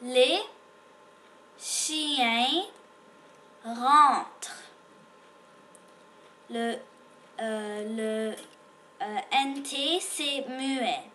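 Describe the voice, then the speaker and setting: Slow, patient woman teaching reading. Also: sits high, bright, forceful tone, a little hiss or hum. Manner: sounds out letters patiently, repeats each word. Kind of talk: slow beginner reading lesson.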